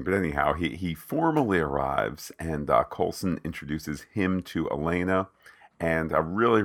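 A man's voice: extremely low pitch, fairly bright tone. A man co-hosting a podcast, discussing a TV episode in casual chat with a wry, playfully mock-formal manner. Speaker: podcast co-host.

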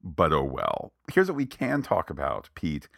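A man's voice: a bass voice, wildly swooping pitch, unhurried, gravelly, a bit bright, dry recording, clean studio sound. A man co-hosting a casual film review chat who shares strong opinions in a playful way and often goes off on tangents. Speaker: podcast co-host.

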